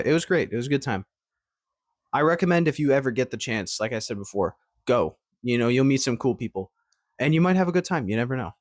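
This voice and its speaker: Casual storytelling to camera comes from a male vlogger in his twenties who rambles happily, stumbling into restarts and fillers along the way. His pitch is medium, and the clean studio recording is dry.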